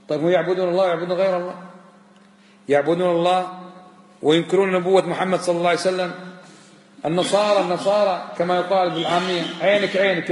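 A man giving a religious lesson as a sheikh. He is emphatic, repeats words and quizzes his listeners with rhetorical questions. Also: sits high. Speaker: sheikh teaching a religious text. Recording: echoey hall with long reverb.

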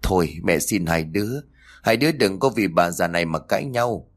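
A frail elderly mother voiced by a man speaks weakly and with sorrow. The voice sits low. It is part of a read-aloud story. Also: lively intonation, normal speed. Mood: resigned. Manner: weak, sorrowful.

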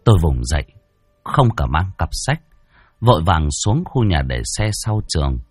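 A man's voice: deep voice, sing-song, normal speed, husky, dry recording, soft background music. A man narrating a first-person ghost story dramatically.

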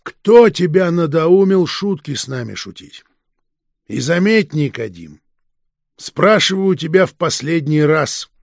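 A man voicing a sly, mocking older police detective chief, who interrogates in a slow, needling, teasing way. His voice is husky and gravelly. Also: fairly high pitch, dry recording, clean studio sound, heavily acted. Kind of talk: audiobook character reading.

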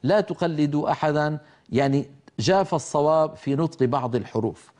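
A man teaching tajweed, explaining pronunciation rules and slowly demonstrating how verses should and should not sound. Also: fairly high pitch, darkish tone. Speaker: Quran recitation teacher. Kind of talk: tajweed lesson.

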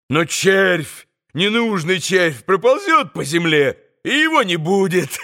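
A man playing a frenzied, stammering young man in a storybook reading. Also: a little high. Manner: shouting, stammering, breathless exclamations.

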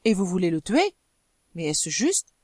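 A woman voicing a young wife from an old novel, pleading earnestly with her angry husband in a lifted, animated voice. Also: lowish voice, measured pace, dry recording, studio quality.

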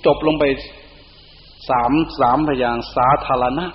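Slow-speaking Isan monk in a hall. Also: male voice. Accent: Isan (northeastern Thai). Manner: unhurried, breaks into Pali chanting to demonstrate. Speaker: Buddhist monk teaching chanting. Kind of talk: sermon with chanting demonstrations. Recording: dull lo-fi hall recording with faint hum.

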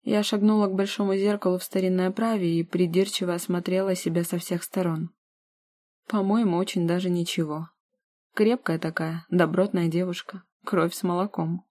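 A woman narrating a first-person audiobook in a wry, expressive manner. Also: lowish voice, normal speed.

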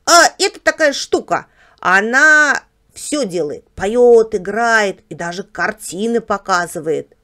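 A woman's voice: medium pitch, lively intonation, slow, bright, forceful tone. A woman voicing a boastful, know-it-all male house dog who explains things in a patronizing way, read as a storybook character.

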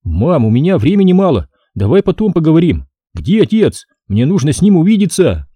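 A man's voice: on the high side, big pitch swings, a little fast, breathy edge, no room sound, phone-quality sound, pitched above the performer's own voice. A man doing a brash young soldier. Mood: agitated. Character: blunt young soldier son.

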